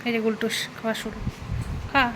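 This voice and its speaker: A young woman chatting casually in a home vlog, sometimes speaking softly. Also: a little high, flat delivery, brisk, background noise. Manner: chatty, talks softly at times. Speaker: vlogger.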